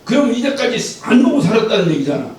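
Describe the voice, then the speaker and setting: High-voiced male pastor in an echoey church. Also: sing-song, fast talker, darkish tone. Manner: chatty storytelling, asks the congregation questions. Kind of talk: conversational sermon. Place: church sanctuary. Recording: very echoey church, distant mic, faint rumble.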